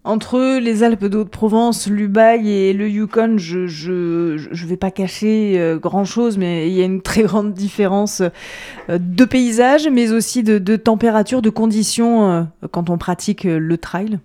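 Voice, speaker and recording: A woman hosting a TV interview, asking questions in a measured way with occasional fillers. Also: mid-range voice, warm tone. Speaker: interviewer, TV host. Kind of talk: interview questions, scripted introduction.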